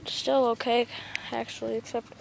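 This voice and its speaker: A gravelly, medium-pitched voice keeps a level tone at a moderate pace while casually commenting on the task at hand. The amateur is filming in a street-side yard, and the camcorder sound is noisy.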